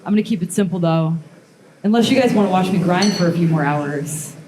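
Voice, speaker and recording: This woman has a fairly low, fairly quick voice, with background noise on the track. She's a blacksmith demonstrating metalworking live for an audience, talking in a casual, rambling way full of "um"s and "like"s. Her demo space echoes and the crowd can be heard.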